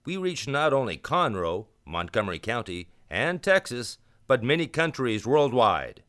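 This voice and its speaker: A man's voice: medium pitch, very animated, unhurried, a bit bright. A man announcer reading a scripted promotional spot for radio.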